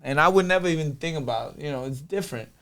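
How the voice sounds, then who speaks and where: Animated storytelling guy. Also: on the high side, fast. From Brooklyn, New York. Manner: animated, acts out his father's voice. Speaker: podcast guest. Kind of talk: casual storytelling.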